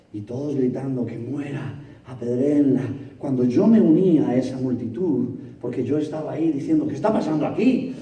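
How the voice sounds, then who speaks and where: A male pastor preaching a sermon, telling the story dramatically and swinging between loud bursts and hushed, near-whispered passages. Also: medium pitch, reverberant, far from the mic, lo-fi sound. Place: church.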